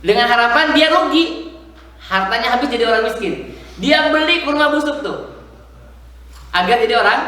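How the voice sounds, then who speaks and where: A man's voice: extremely high pitch, bright, forceful tone. A man preaching a casual sermon in a mosque, joking and quizzing the congregation. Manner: chatty, jokes and quizzes the congregation. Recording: very echoey room, far from the mic.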